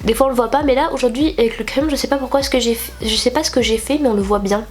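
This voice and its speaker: Talking very fast in a slightly high voice, a young French beauty vlogger rambles chattily through a makeup tutorial with plenty of fillers. A cold has given her a stuffy nose and a nasal sound.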